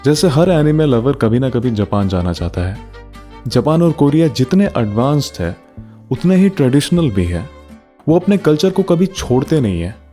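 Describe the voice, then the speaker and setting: A man's voice: medium pitch, big pitch swings, moderate pace, mellow, faint music behind. A man with an Indian accent hosting a casual commentary video in a rhetorical, teasing manner. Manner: rhetorical, teasing, mixes Hindi and English slang. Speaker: video essay host.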